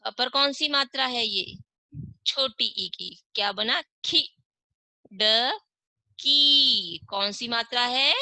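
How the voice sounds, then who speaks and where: A woman's voice: fairly high pitch, unhurried, pushed and bright, dry recording, poor audio. A woman teaching young children in an online class, reading words syllable by syllable and asking and answering her own questions. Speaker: primary school Hindi teacher.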